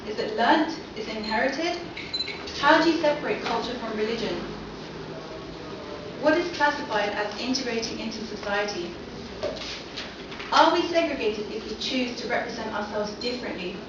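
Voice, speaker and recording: In a very echoey lecture hall, a young London woman with a fairly high voice delivers an academic seminar presentation at a moderate pace, asking the audience many questions. The distant recording sounds dull, with steady noise underneath.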